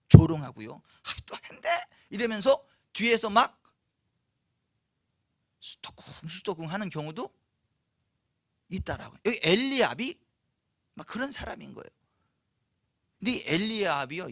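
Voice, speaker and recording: A pastor preaches at a night church service, telling a story lively and putting questions to the congregation. His voice is high and bright, and the sound is dry and close. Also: dry recording. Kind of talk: sermon.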